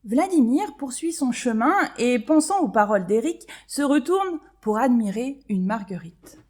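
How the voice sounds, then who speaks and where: A woman librarian reading a children's story aloud, expressive and clear for small children. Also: fairly high pitch, measured pace.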